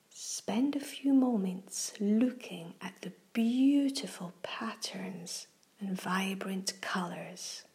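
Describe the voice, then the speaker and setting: A woman hosting a children's relaxation show, gently reading a guided meditation in a soft, breathy half-whisper with slow, soothing phrasing. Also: medium pitch.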